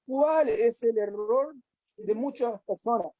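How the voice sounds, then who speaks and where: A woman's voice: on the high side, slow pace, warm tone, no room sound, low-quality recording. A woman reviewing a church Bible lesson, asking the listeners questions and hesitating often. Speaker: Sabbath school teacher.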